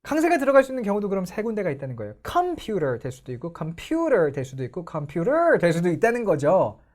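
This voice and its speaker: A woman's voice: fairly low pitch, sing-song, racing, darkish tone. A young woman teaching English pronunciation in an online lecture, explaining and putting questions to the viewers.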